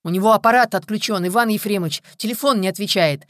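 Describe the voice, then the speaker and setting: The narrator voicing an out-of-breath male officer with a hoarse, strained voice. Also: fairly high pitch, a little slow, pushed and bright, no echo, studio quality, exaggerated voice. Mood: desperate. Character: breathless young male officer, anxious subordinate.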